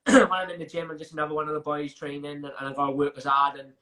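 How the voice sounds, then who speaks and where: A young Welsh man talks casually as an interview guest. His voice is bright and a touch high. He rambles, restarts his sentences and laughs as he tells stories. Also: steady tone, quick pace. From Wales. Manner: chatty, frequent restarts and fillers, laughs while telling stories. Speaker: MMA fighter guest.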